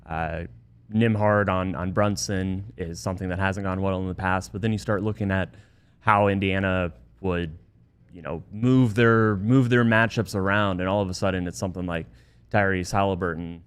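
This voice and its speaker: Man, very low voice, smooth and resonant, sports podcast co-host, thoughtful, stammers. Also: steady tone, normal speed. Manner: thoughtful, stammers and restarts words. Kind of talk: casual sports analysis.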